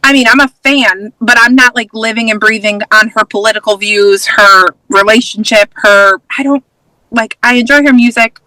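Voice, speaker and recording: A woman's voice: fairly high pitch, normal speed, dry recording, poor audio. A woman from Massachusetts, a mom and preschool teacher, talking relaxedly as an interview guest and using many "like"s. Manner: relaxed, laughs often, many "like"s. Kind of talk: casual interview.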